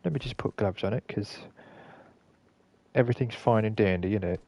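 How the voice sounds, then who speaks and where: Man, game streamer: low, gravelly voice, rambling and casually profane commentary. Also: brisk, dark tone. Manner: rambling, self-correcting, swears casually. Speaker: gaming streamer.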